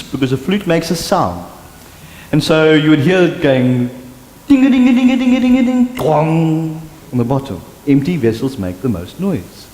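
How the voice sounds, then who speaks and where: A man with a South African accent preaching a sermon, an animated storyteller who acts out sounds and drops to a hush for emphasis. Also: a little high. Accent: South African English. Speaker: pastor. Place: church sanctuary. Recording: echoey church hall with long reverb.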